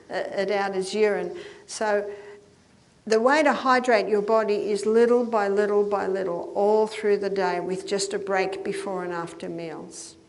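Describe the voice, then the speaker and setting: An older woman giving a health lecture to an audience, explaining step by step and checking in with listeners. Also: medium pitch. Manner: explanatory, with occasional laughs and checking questions.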